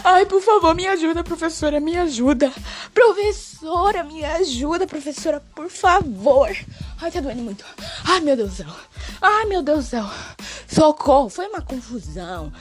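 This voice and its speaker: Woman as a frantic injured schoolboy, high slow drawn-out pleading; light music bed. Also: wildly swooping pitch. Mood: wailing. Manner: whiny pleading, drawn-out wails. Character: panicky young schoolboy in pain, wailing.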